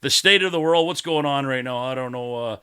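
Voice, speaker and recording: A man's voice: mid-range voice, a little fast, sharp tone, clean tone, dry recording, clean studio sound. A man hosting a casual podcast, talking in a rowdy, irreverent, rambling and profane way. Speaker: podcast host.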